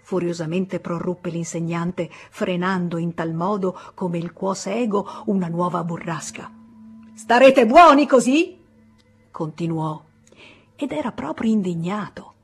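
Audiobook narrator: Italian-accented woman, husky mid-pitched voice, measured and expressive, faint music underneath. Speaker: audiobook reader.

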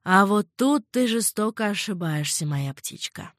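A woman reading an audiobook, voicing a worldly old female servant who speaks calmly and patiently. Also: mid-range voice, unhurried, no echo, clean studio sound, close to an everyday voice. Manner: unruffled, coaxing and patient.

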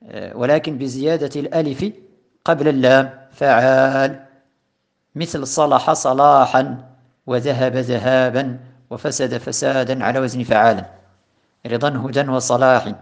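Slow, deliberate male grammar teacher. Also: medium pitch, fairly even intonation, creaky. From Morocco. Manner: slow, deliberate, repeats and stresses patterns. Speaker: teacher of Arabic morphology. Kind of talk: recorded lesson explaining a grammar poem.

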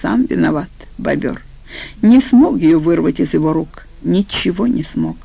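A woman narrating an audiobook in a steady, even storytelling voice. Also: lowish voice, unhurried, vocal fry, breathy edge, no echo, dull audio. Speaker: audiobook reader.

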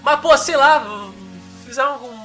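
A Brazilian man co-hosting a podcast, chatting casually in an animated, rambling way. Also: very high voice, normal speed, faint music behind. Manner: animated, rambling, fillers of "cara". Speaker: podcast host. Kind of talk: casual chat.

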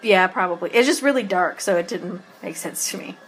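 A woman's voice: lowish voice, brisk, fairly bright tone, a little hiss or hum. A woman co-hosting a casual podcast chat, recapping an episode with frequent laughs and ums. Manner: laughs often, many ums and restarts; eating while talking.

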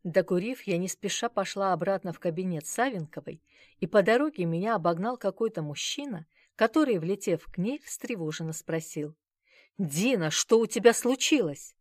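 Brief: woman, low-ish voice, wry first-person detective narration, dry close mic. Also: lively intonation, brisk, a little mellow, dry recording. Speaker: audiobook narrator.

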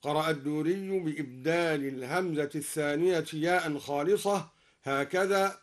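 A man with an Egyptian accent explaining recitation variants in a slow, deliberate way, chanting each example melodically. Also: fairly high pitch. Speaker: Quran recitation scholar. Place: radio studio.

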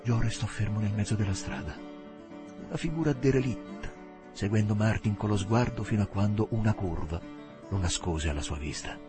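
A man narrating a novel aloud with expressive, dramatic phrasing. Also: lowish voice, moderate pace, over music. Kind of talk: audiobook reading.

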